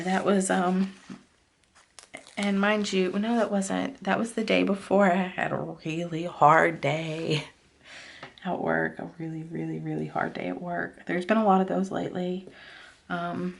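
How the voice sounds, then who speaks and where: Gravelly-voiced woman chatting over her planner. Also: mid-range voice, steady tone, takes it slowly. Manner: rambling and confiding, drifting off-topic. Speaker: planner vlogger. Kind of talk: casual chat while decorating a planner.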